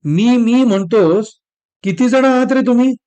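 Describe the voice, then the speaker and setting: A man voicing a stern householder who speaks slowly and firmly, leaning on every word. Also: very high voice, dark tone, pitched above the performer's own voice. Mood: suspicious. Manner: slow, firm, stressing each word. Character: stern householder confronting a thief.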